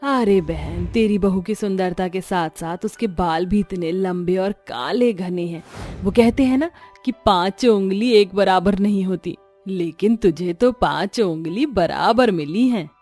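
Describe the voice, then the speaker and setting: A woman voicing a gossipy, flattering neighbor who pries into a bride's secrets in an animated storybook. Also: medium pitch, measured pace, faint music behind, natural voice. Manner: flattering, prying.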